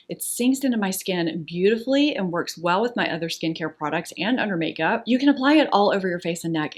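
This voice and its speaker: A middle-aged woman narrates her beauty vlog in a polished, friendly manner. Her voice sits a little low, and she explains each product step by step. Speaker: beauty vlogger.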